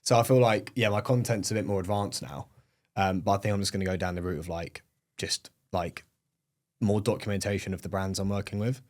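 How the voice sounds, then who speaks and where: A man's voice: sits low, fairly even intonation, brisk. A young man from England with a British accent, chatting casually as a podcast guest and filling his talk with "like" and "um". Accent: British English. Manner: chatty, many fillers like "like" and "um". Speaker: guest, agency owner.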